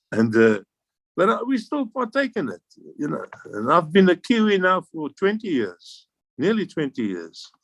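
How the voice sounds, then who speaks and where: With a slightly high voice whose pitch swoops wildly, this older South African man speaks a little slowly, with no room sound. As an interview guest and air force veteran, he reminisces in a loose, rambling way, often restarting and chuckling.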